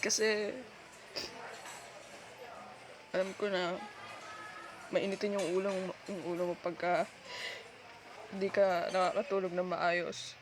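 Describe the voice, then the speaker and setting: Her voice sits fairly low and comes out flat and only lightly acted as this Filipino-accented woman voices a self-sacrificing long-time girlfriend, heartbroken and letting her partner go. The ASMR roleplay is an intimate one-sided dialogue delivered in a halting, tender, pleading way, over clearly audible background noise.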